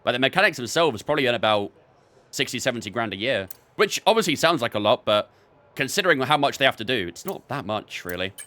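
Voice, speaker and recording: A man's voice: medium pitch, big pitch swings, quick pace, sharp tone. A young man streaming a racing game from his bedroom, chatting with viewers between laps. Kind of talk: casual live-stream chat while racing.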